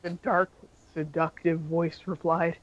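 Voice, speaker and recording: A man's voice: on the high side, flat delivery, takes it slowly, lo-fi sound, a little hiss or hum. A man reading a fan-fiction story aloud in an amateur style, with occasional slips and self-corrections.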